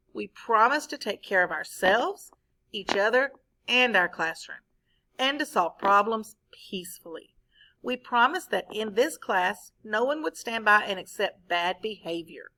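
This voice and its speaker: Teacher doing a nice schoolgirl, soft but firm, bright voice. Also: mid-range voice, expressive, a little slow. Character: kind, firm schoolgirl classmate.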